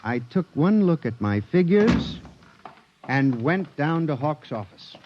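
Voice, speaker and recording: In a dull old 1950s radio broadcast, an actor voices an anxious statistician who serves as narrator and lead character, growing more frightened. His slightly high, very animated voice moves slowly, sounding earnest, uneasy, and increasingly panicked over a noisy background.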